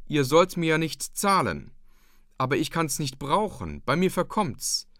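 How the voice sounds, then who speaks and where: A man's voice: a little high, very animated, unhurried, fairly bright tone, dry recording, clean studio sound, voice pushed up. A man doing a sly ragged vagabond horse seller. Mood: sly, wheedling. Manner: wheedling, cunning.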